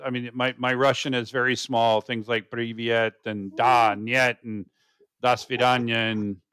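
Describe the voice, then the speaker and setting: A man's voice: mid-range voice, little pitch movement, unhurried, a bit bright, clear, resonant tone, no room sound, studio quality. A man born and raised in the United States hosting an interview, asking curious questions in a chatty way with frequent "you know". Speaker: interview host. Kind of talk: casual interview conversation.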